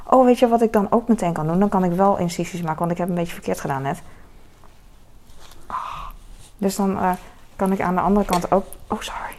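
A woman's voice: lowish voice, fairly quick, pauses often, a little mellow. A woman chatting casually while cooking in her home kitchen, rambling and self-mocking with lots of fillers. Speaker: home cook vlogger. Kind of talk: casual cooking vlog chat. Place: home kitchen with sizzling pan. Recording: noisy home kitchen recording. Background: frying and sizzling sounds.

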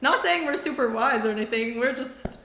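Husky young American woman, bright and roomy. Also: high-pitched, a little fast, a little hiss or hum. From Texas, United States. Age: early 20s. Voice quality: husky from vocal nodules. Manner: bubbly, slangy, informal. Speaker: podcast co-host. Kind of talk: casual chat. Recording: roomy, echoing room sound.

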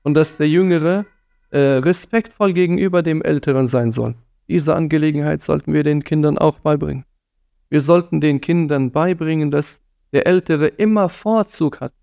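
A man's voice: on the high side, creaky, darkish tone, dry recording, studio quality. A man giving an earnest religious talk on parenting, admonishing his listeners and sprinkling in Arabic phrases. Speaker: preacher.

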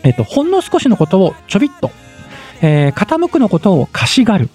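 Quick-talking male radio host from Yamanashi, dark mellow tone, soft music underneath. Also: high-pitched. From Yamanashi, Japan. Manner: lively, chatty, frequent fillers. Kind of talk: casual radio chat, reading listener mail.

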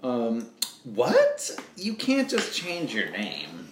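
A man's voice: mid-range voice, wildly swooping pitch, very slow, heavily acted. A man reading the part of an incredulous jellyfish in a children's storybook, questioning and disbelieving. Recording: echoey room with faint noise.

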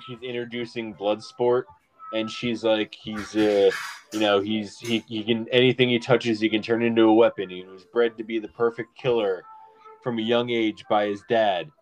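On a rough recording, a man with a lowish voice co-hosts a casual podcast about a movie. He rambles through the chat with lots of ums and restarts.

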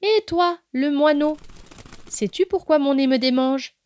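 Small eager storybook bee with a high, bright voice, a woman putting it on. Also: a little slow, no echo, studio quality. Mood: curious. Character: small sneezy young female bee.

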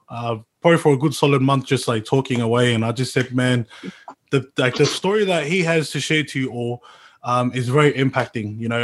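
A young man hosting a podcast, enthusiastic and loose, with slangy talk full of "bro" and "man". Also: mid-range voice. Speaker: podcast host.

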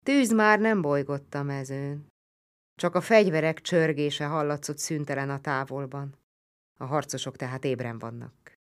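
A woman narrating a historical novel as an audiobook in a measured, grave storytelling manner. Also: low-pitched.

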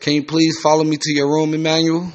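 A man's voice: on the high side, completely flat delivery, brisk, lo-fi sound, voice pushed up, lightly acted. A man voicing a patient, formal middle-aged rehab counselor.

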